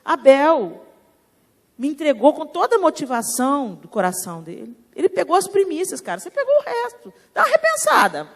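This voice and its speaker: A frank, fatherly God, voiced by a woman preacher, coaxing and blunt with slangy words, in a raised, lively pitch. A long reverb hangs in the church hall around the voice. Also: a little fast, full character voice.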